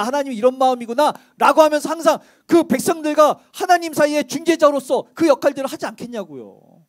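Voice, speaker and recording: A male pastor preaching a sermon in a church, speaking conversationally and quizzing the congregation with rhetorical questions. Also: very high voice. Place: church sanctuary.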